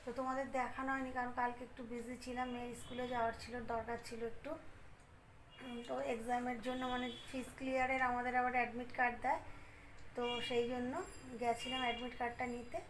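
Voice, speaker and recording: Chatty high-voiced woman vlogger. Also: little pitch movement, quick pace, a little hiss or hum, rough recording. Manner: rambling and chatty, with many fillers. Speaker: home vlogger. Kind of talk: casual chat to viewers. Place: at home indoors.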